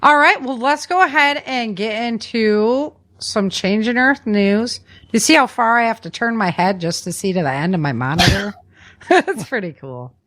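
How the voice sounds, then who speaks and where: Animated and a bit bright, this woman's voice sits on the high side as she hosts a casual podcast at a normal speed. Running down the news in a conversational way, she repeats words to stress them.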